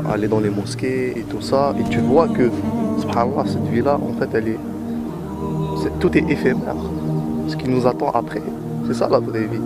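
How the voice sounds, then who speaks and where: A man from Algeria recounts his own story in an interview, pausing and repeating words as he hunts for the right phrase. His voice sits at an ordinary pitch for a man. Loud background music plays under the whole recording. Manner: hesitant, repeats words while searching for phrasing. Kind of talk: personal testimony.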